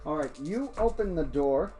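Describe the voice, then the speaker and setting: A man's voice: a little high, expressive, moderate pace, warm tone, soft background music. A man narrating as game master of a tabletop game, often laughing as he goes.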